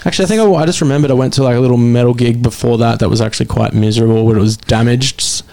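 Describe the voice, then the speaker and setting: An Australian man in his thirties chats casually on a podcast, telling relaxed stories peppered with swearing. His voice stays level and even in pitch, with little rise or fall. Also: very fast, vocal fry, slight background noise. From Brisbane, Australia. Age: 30s. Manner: relaxed storytelling with swearing and fillers. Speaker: musician guest.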